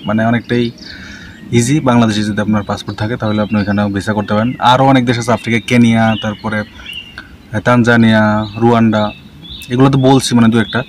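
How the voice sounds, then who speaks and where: Giving casual visa info, this vlogger runs through lengthy lists of countries, hesitating, self-correcting, and leaning on fillers as he rambles. His pitch is fairly low, his delivery flat, his pace quick. There's a little hiss or hum.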